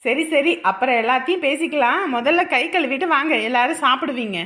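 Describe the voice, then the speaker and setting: A woman's voice: high voice, brisk, fairly bright tone. A woman playing a dutiful, polite daughter-in-law in a family drama. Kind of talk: dubbed family serial drama.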